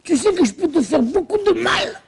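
A man's voice: extremely high pitch, lively intonation, moderate pace, vocal fry, slight background noise, pitched above the performer's own voice, full character voice. A man doing Laban, a bullying, boastful schemer. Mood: boastful taunting. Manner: possessive, bullying, taunting. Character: boastful, menacing older man, Laban the scheming father-in-law.

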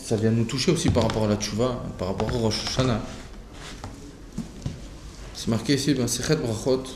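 A man's voice: medium pitch, steady tone, fairly quick, very noisy. Man teaching Talmud in an echoey room. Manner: rises into a sing-song chant when quoting texts; explains phrase by phrase with restarts. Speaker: religious teacher. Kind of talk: Talmud study lesson. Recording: echoey room with faint ambience.

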